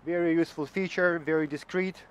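Sitting inside a car in a parking lot, a man who works as a dealership product specialist walks viewers through the car's features. His voice is slightly high and fairly even in intonation, a bit fast, with background noise, and his explanations are full of ums and restarts.

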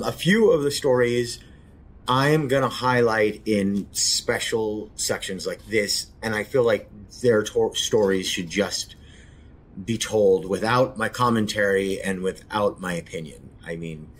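A man hosting his own show, speaking softly and hesitantly with many pauses and fillers. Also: lowish voice, fairly even intonation. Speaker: podcast host. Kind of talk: casual spoken introduction.

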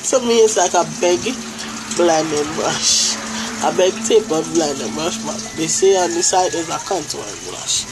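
A young Trinidadian woman with a Trinidadian accent and a lowish voice reviews makeup brushes as a beauty vlogger, talking unhurriedly with many fillers. She films in a small room on a phone camera held close, and the audio quality is poor.

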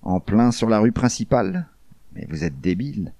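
Man reading a shrill, scornful blonde woman. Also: lively intonation, moderate pace, creaky, warm tone, no echo.

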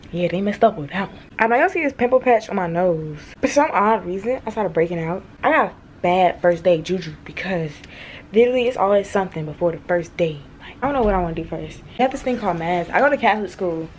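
A teenage vlogger chats playfully to her phone camera held at arm's length, tossing in quick asides and laughs, first in her bedroom at home and later in a large store. Her medium-pitched voice has lively intonation, and the lo-fi recording has a little hiss or hum.

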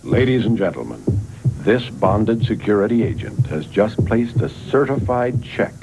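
A man booming out prizes as a game show announcer, dramatic, grand and drawn-out. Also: expressive, slight background noise. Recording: 1970s TV audio under loud music. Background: music.

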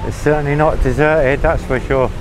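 A man giving a relaxed, chatty running commentary while he walks outdoors along a beach promenade, filming his own travel vlog. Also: on the high side, normal speed, crowd noise, low-quality recording. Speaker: travel vlogger. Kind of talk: walk-and-talk travel vlog. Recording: wind and outdoor noise on the mic. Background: sea, wind and passing traffic.

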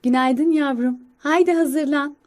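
Woman doing a mom squirrel, kind but strict, slightly high motherly voice. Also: fairly even intonation, unhurried, darkish tone. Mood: gentle. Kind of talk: storybook character voice.

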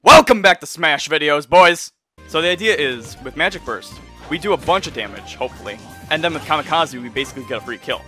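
A man giving casual, excitable commentary over his own gameplay, swearing and laughing as he plays. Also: medium pitch, quick pace, few pauses, soft background music. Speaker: gaming YouTuber.

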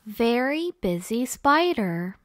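A woman leading a slow English read-aloud drill. She says each word or phrase twice, clearly and with exaggerated expression, so learners can repeat after her. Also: on the high side, very animated, dry recording, studio quality. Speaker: English reading teacher.

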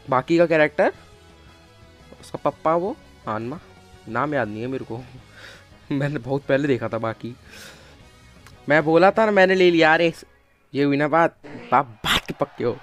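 A man streaming a mobile game live, chatting with viewers and calling out to teammates, with bursts of excited shouting. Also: on the high side. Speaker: gaming streamer. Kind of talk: casual live game commentary.

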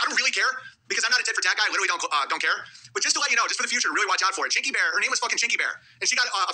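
A man talking at a breakneck pace in a high, piercing voice. He reads viewer messages aloud and slides into a heated, profane rant, fiery and combative. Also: sharp tone, low-quality recording. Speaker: livestream host reading viewer letters. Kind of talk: rapid, heated livestream rant.

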